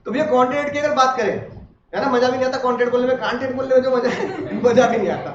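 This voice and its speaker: High-voiced man teaching a lively class. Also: rapid-fire, slight background noise. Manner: chatty, asks the class questions and jokes. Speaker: law teacher. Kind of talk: classroom lecture. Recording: roomy, distant, dull classroom recording.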